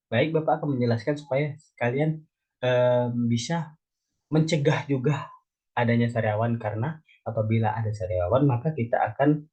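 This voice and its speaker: Husky young man teaching young children. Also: medium pitch, a little mellow, rough recording. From Indonesia. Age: young adult. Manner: explains step by step, asks children questions. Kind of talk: elementary school biology lesson.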